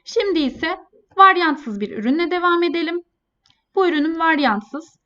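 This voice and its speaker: A woman presenting a scripted step-by-step software tutorial in a polite, formal customer service manner. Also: very high-pitched, animated, normal speed. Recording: dull, lo-fi voice-over.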